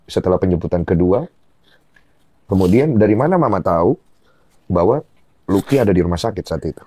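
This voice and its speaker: Man, podcast host, very low voice, dark tone, prompting questions, murmured listening. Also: lively intonation, a little fast, husky, no echo.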